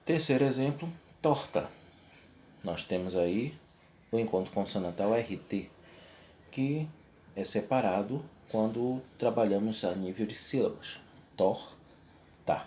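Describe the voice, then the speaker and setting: A man's voice: on the low side, expressive, a little slow, dark tone, slight background noise. Man teaching a grammar lesson. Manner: explains step by step, checks in with "ok?" and "tá?". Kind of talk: video lesson.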